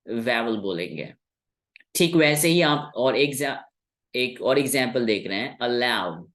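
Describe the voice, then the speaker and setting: In a patient classroom explanation, a man with a mid-range, fairly bright voice covers English sounds. Hindi is his first language, and he says important words again slowly.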